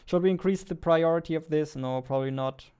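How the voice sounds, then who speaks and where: In his twenties, a game developer and streamer chats casually while live-coding in a small indoor room at his computer, muttering to himself and repeating words. His voice is fairly high, mellow and smooth, and he talks fairly quickly. Keyboard typing and clicking plus faint music fill the background.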